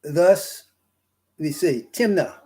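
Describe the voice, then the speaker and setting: A Bahamian man giving an informal Bible study, reading verses slowly and pausing often with fillers and restarts. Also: fairly high pitch, lively intonation, warm tone. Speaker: Bible teacher. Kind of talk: slow informal scripture study talk.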